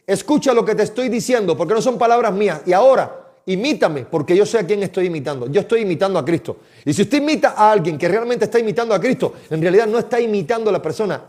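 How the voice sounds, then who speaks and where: A man's voice: high-pitched, a little mellow. A man preaching a live-streamed sermon, impassioned and exhorting, often calling his listeners his beloved. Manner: impassioned, exhorting, addresses listeners as "mis amados".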